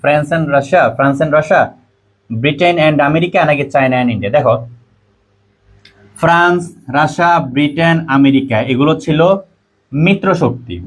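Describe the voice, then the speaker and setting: A man from Bangladesh runs a quiz lesson for test takers, asking each question over and over and reading the options aloud. His voice sits a little high for a man. He reads students' answers back to them one by one. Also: a little fast, long pauses. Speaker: admission test tutor.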